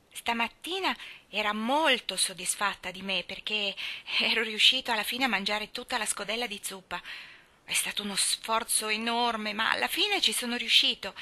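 A woman's voice: mid-range voice, bright, forceful tone. Woman reading an earnest, solemn little boy. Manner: solemn, anxious, talks like a grown-up. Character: earnest, thoughtful young schoolboy. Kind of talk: audiobook character reading.

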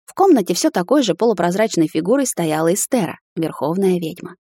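A woman narrating an audiobook in the first person with a measured, expressive reading. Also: lowish voice, husky, no room sound, clean studio sound.

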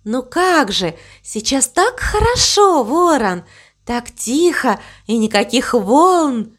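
A woman voicing a gentle, calm, motherly cow who speaks softly and tenderly. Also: high voice, slow pace, exaggerated voice. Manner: soft, tender, soothing.

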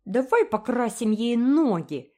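A woman voicing an angry young boy who shouts threats, in a storybook reading. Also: fairly low pitch, expressive, unhurried. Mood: gloating.

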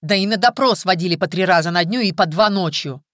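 A woman reading an audiobook, voicing a bitter young man who shouts abuse. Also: lowish voice, a little fast, no echo, studio quality, pitched above the performer's own voice, lightly acted. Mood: furious. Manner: snarling, abusive, shouting. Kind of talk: audiobook character voice.

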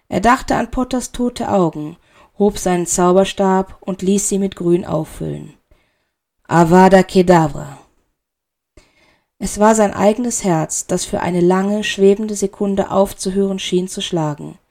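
A woman narrates an audiobook story with a slow, measured, dramatic delivery. Her voice carries a gravelly edge at a middle pitch. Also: dark tone. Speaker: reader. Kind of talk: audiobook narration of fan fiction.

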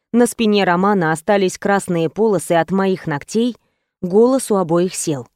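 A woman's voice: medium pitch, dark tone, dry recording, clean studio sound. Woman narrating an intimate audiobook. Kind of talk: first-person audiobook narration.

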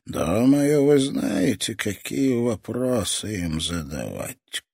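A man voicing a frail, sinister old toy master who talks slowly and grows weaker as he goes. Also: fairly low pitch, big pitch swings, creaky, warm tone, dry recording, studio quality, pitched above the performer's own voice, full character voice. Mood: secretive, fading. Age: older.

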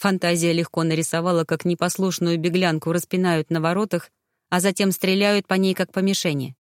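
A woman narrating a fantasy audiobook in an expressive, dramatic storytelling manner. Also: lowish voice, a little fast, no echo, clean studio sound.

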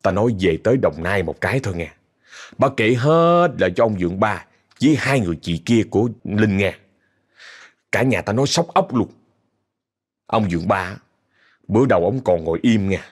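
A man's voice: fairly low pitch, animated, normal speed, pauses often, husky. A man with a Southern Vietnamese accent telling a story in a chatty, casual way, speaking directly to listeners.

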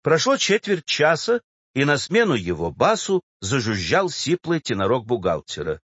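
Husky man reading a story expressively. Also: mid-range voice, wildly swooping pitch, moderate pace, a bit bright, no room sound, highs cut off. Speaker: narrator. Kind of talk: literary audiobook reading.

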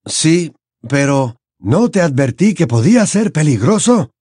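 A male audiobook reader voicing an elderly wizard headmaster with slow, high, drawn-out pleas. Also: big pitch swings, a little mellow, slightly rough, no room sound, clean studio sound, exaggerated voice. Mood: firm, insistent. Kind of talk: audiobook character voice.

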